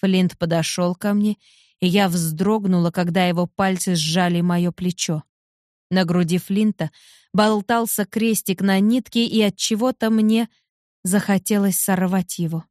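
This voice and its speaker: A woman narrating a dark audiobook in the first person, reading in a steady, measured way. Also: mid-range voice, no room sound, clean studio sound.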